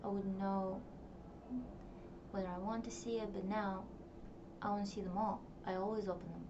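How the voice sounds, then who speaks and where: This diary vlog comes from a young woman whose native language is Russian, speaking casually to camera in a reflective, rambling manner full of fillers. She has a mid-range, steady voice at a moderate pace, captured in a distant, dull, noisy home recording.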